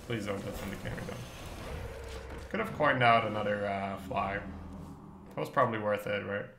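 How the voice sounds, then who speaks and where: A man from northern Belgium, Dutch by native tongue, streams a game and chats casually with viewers, thinking out loud and swearing now and then. His voice is fairly low and creaky at a normal speed, with reverb and a noisy background.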